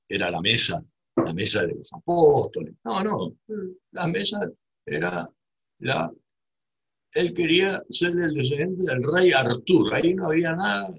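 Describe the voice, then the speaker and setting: Over poor audio, this Buenos Aires man's mid-range voice comes through fairly bright, slightly rough, and touched with vocal fry. His Rioplatense accent carries a rambling, thoughtful monologue that keeps circling back through restarts and tag questions.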